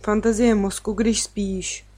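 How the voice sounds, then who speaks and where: Nala, a woman reading a calm wise girl. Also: mid-range voice, no echo, close to an everyday voice.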